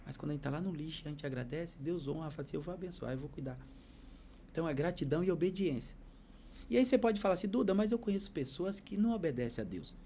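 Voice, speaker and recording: A man's voice: a little high, expressive, racing, dark tone, a little hiss or hum. A man, a podcast guest telling his life story as a heartfelt, preacherly testimony. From Bahia, Brazil.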